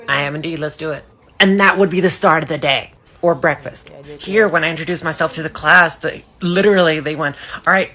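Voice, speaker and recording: Low-voiced blunt woman from Iceland. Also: bright, forceful tone. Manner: blunt, sweary, sarcastic. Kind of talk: casual storytelling clip.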